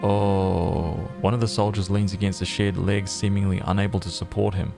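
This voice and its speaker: Gravelly man reading a game aloud. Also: low-pitched, little pitch movement, moderate pace, music in the background. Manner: casual, reacts with slang. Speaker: gaming video host. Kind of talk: reading game text aloud with casual commentary.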